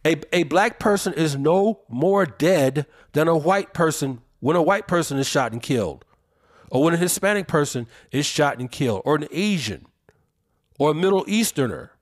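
A man's voice: on the high side, animated, normal speed. A man co-hosting a podcast, talking in an emphatic, preacherly way and drawing out the words he stresses. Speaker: podcast co-host. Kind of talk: opinionated podcast commentary.

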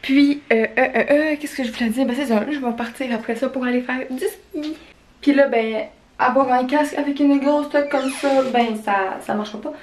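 A young woman in her twenties with a Quebec French accent rambles through a casual vlog chat, full of fillers, at a moderate pace. Her voice is high-pitched, and she films on a handheld camera held at arm's length in a small apartment, with slight background noise.

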